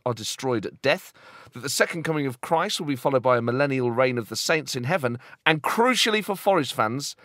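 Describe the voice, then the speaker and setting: A man's voice: mid-range voice, a bit bright, dry recording, clean studio sound. A man hosting a podcast, teasing his guest and reading playful mock-serious bits. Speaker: podcast host. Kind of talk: casual chat with mock-serious scripted bits.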